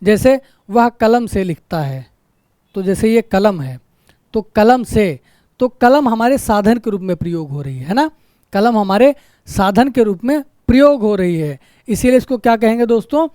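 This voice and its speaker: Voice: mid-range voice, lively intonation, unhurried, mellow, no echo, studio quality. A grammar teacher explaining a lesson, repeating example sentences and asking rhetorical questions with a frequent tag question.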